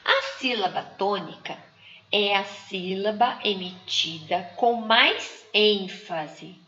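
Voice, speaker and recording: A woman teaches from slides at an unhurried pace, drawing out each example word. Her voice is bright and sits a little high. The recording is muffled and carries a roomy echo. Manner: slow, didactic, stretching out example words. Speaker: teacher trainer. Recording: muffled, echoey room.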